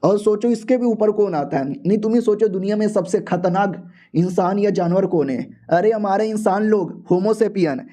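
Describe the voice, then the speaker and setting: A man's voice: high voice, normal speed, dark tone. A man narrating a manga recap in a casual, slangy, joking storytelling style.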